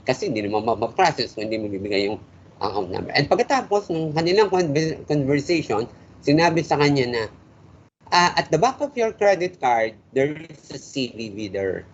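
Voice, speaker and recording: A man lectures a class, mixing Tagalog and English and checking in with a repeated "no?". His voice sits at an ordinary pitch. The recording is dull and lo-fi, with a faint hiss underneath. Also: a little mellow. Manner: Tagalog-English code-switching, frequent tag question "no?".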